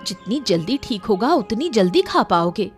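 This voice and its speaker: A woman's voice: mid-range voice, big pitch swings, moderate pace, faint music behind, lightly acted. A woman voicing a caring wife in a cartoon, firm and coaxing. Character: caring firm wife pushing bitter medicine. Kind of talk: animated cartoon dialogue.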